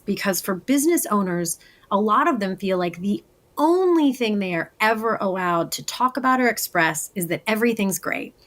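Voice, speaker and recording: A woman in the guest seat of an interview shares her experience as a business coach. She speaks reflectively and earnestly, and her pitch sits in a middle range. She sounds like she is telling a story in a relaxed conversation.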